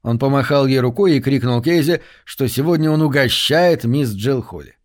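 Male audiobook reader, measured storytelling, mid pitch. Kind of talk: scripted narration.

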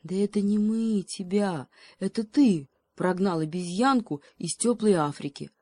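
A woman's voice: medium pitch, unhurried, dark tone, dry recording, studio quality, voice pushed up, lightly acted. A woman voicing a stern male raven who reproaches the others. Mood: reproving.

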